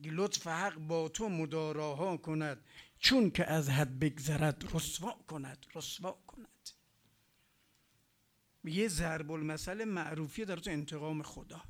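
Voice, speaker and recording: A man's voice: a little high, fairly bright tone. A man preaching a sermon, with emphatic repetition and rhetorical questions.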